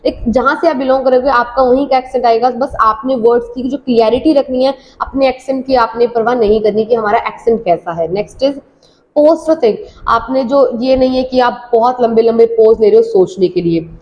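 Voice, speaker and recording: A woman from India, an English teacher, giving a casual IELTS speaking lesson. She explains in Hindi and reads the English tips slowly and clearly. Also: fairly high pitch, lo-fi sound.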